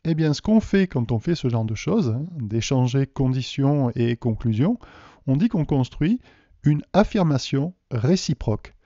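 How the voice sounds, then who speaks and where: A man's voice: medium pitch, sing-song, unhurried, dark tone, no echo. A man from France teaching a math lesson in a video, explaining patiently and putting questions to the viewers. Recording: dull, dry lo-fi voice recording.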